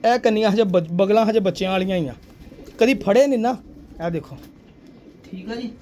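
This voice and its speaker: A man showing his pigeons one by one, with a persuasive sales pitch aimed at the viewer. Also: brisk, mellow, a little hiss or hum. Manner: persuasive, addresses viewer as sir and brother. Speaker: pigeon seller showing birds.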